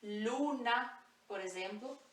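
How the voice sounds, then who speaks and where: A woman teaching a language lesson, speaking slowly and clearly, repeating example words and spelling out sounds. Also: fairly high pitch, a bit bright, reverberant, recorded from a distance. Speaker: Spanish teacher.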